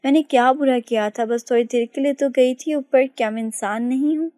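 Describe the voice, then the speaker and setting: A timid young woman speaks meekly with an innocent, pleading tone, voiced by a woman reading a storybook. Her voice sits fairly high and is recorded in a dry, close space. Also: brisk, mellow, no room sound, natural voice. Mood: upset. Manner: meek, pleading.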